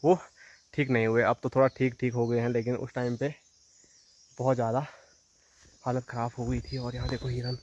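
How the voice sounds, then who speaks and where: A man's voice: medium pitch, level tone, moderate pace, pauses often, a little mellow, dull audio, slight background noise. A man chatting to his viewers while walking outdoors in a forest. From Himalayan hills of northern India. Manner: chatty, addresses viewers directly. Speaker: village vlogger. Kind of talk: casual walk-and-talk vlog. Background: insects and rural outdoor sounds.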